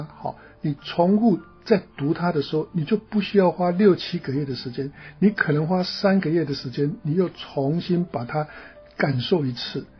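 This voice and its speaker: A man's voice: on the high side, dull audio. Man lecturing with rhetorical questions. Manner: explanatory, rhetorical questions, frequent "哈" tag. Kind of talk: spiritual teaching lecture.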